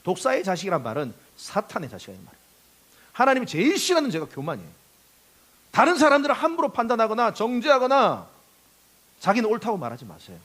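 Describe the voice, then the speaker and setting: A man's voice: high voice, wildly swooping pitch, fast, fairly bright tone. A man preaching a sermon as pastor, impassioned, acting out quoted speech and leading the congregation in call-and-response.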